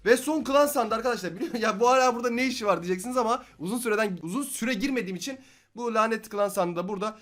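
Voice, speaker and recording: A young man giving excited gameplay commentary as a gaming YouTuber, swinging between shouting and muttering to himself. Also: high-pitched.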